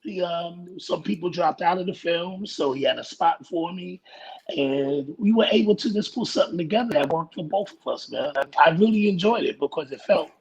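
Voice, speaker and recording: A middle-aged man with a raspy voice, chatting casually as an interview guest, rambling and laughing as he tells stories. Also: high-pitched, moderate pace, dull audio. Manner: laid-back, rambling storyteller who laughs often. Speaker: guest actor.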